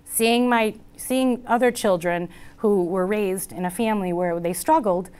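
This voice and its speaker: A woman's voice: mid-range voice, measured pace, darkish tone, clean tone. A woman student telling her story in an interview, earnest and heartfelt, with many "you know" fillers. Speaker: community college student. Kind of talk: interview testimonial.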